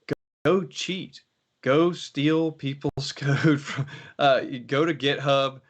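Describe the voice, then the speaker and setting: A man hosting a casual tech talk show, rambling and often correcting himself as he chats. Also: mid-range voice. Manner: rambling, self-correcting, laughs easily. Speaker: show host.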